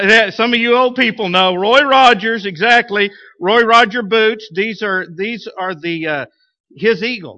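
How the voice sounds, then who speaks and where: A man, preaching as a pastor in a folksy, emphatic way. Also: high voice. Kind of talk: sermon. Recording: dull, muffled lo-fi church recording.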